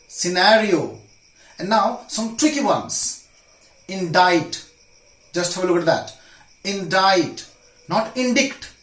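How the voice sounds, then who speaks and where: Deliberate man teaching pronunciation. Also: high-pitched, a bit bright, roomy sound, rough recording. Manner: repeats each word deliberately, drilling. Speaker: English teacher. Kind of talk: pronunciation lesson.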